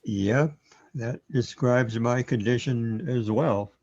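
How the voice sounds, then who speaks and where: In a radio play, a man portrays a calm, wry metaphysical guide, speaking unhurriedly and matter-of-factly at a medium pitch. The recording is dull and lo-fi.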